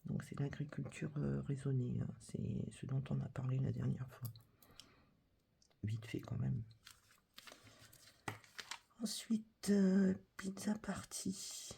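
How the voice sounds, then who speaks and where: A woman reading a supermarket catalogue aloud as whispered ASMR, with a breathy whisper and soft, chatty asides. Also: extremely low pitch, fairly even intonation, unhurried, a little hiss or hum. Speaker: catalogue reader.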